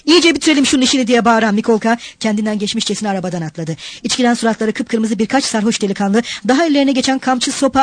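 A woman reading a novel aloud as an audiobook narrator, in a brisk, dramatic manner. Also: on the high side, darkish tone, dry recording. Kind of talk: scripted literary narration. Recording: cassette audiobook.

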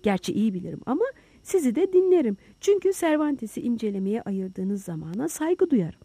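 A woman's voice: fairly high pitch, very animated, fairly quick, warm tone, husky, no room sound, full character voice. A woman voicing an agitated, proud middle-aged male doctor in a storybook reading, speaking indignantly. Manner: indignant, exclaiming.

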